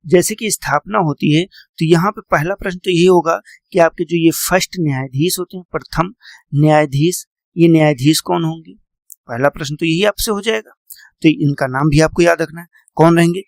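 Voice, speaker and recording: A man's voice: a little high, creaky, no echo. A man teaching a classroom lecture, repeating key points, quizzing his students and calling them "beta".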